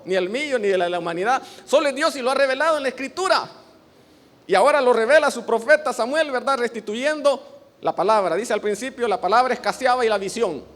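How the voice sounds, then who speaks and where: High-voiced man preaching in a reverberant hall. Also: fairly bright tone. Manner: earnest preaching, often asks the congregation for agreement. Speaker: pastor. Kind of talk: sermon.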